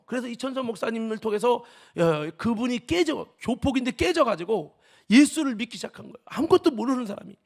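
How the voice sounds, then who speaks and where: High, gravelly-voiced impassioned preacher man. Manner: impassioned preaching, voice rising to near shouts. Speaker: pastor. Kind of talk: sermon.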